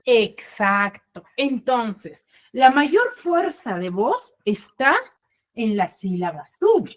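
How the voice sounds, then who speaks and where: A woman's voice: fairly high pitch, very animated, extremely slow. A woman teacher giving an online class over a video call, often checking in with short questions to her pupils.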